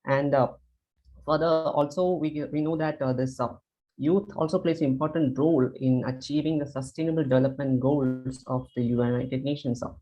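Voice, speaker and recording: Halting male panel moderator, muffled sound. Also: medium pitch, fairly even intonation, warm tone. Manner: halting, many "uh" fillers.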